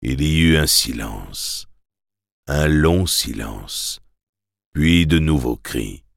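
A man narrating a story in the first person in a measured, grave way, for an audiobook. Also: extremely low pitch, lively intonation, vocal fry, no room sound, clean studio sound.

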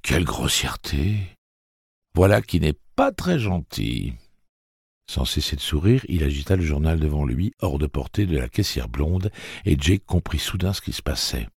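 A man narrating an audiobook with a very deep voice that turns gravelly and husky at the ends of phrases. His reading is measured and steady, yet his pitch moves about with lively expression. The sound is close and dry. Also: no echo.

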